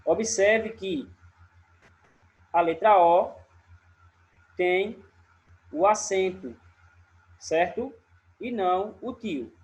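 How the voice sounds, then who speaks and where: With the highs cut off in the audio, a high-pitched man with a Sergipe Brazilian accent gives a recorded remote lesson. He lays it out step by step and keeps checking in with short questions.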